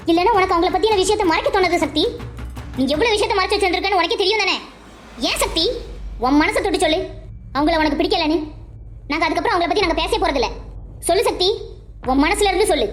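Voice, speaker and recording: A woman voicing a pushy young female friend who coaxes and needles with questions in a cartoon dub. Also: extremely high pitch.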